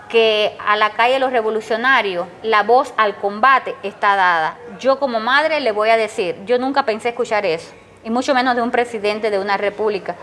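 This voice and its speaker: Middle-aged cuban woman telling her story, voice a bit high, faint hiss behind her, keeps acting out her son's words. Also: fairly bright tone. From Cuba. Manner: tells events in long runs, acts out her son's words in a raised pitch. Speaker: interviewee, mother of a jailed protester. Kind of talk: emotional personal testimony.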